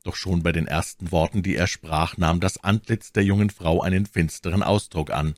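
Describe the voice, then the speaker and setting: A man narrating a classic novel in an audiobook with an expressive storytelling delivery. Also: low voice, normal speed, no echo, studio quality.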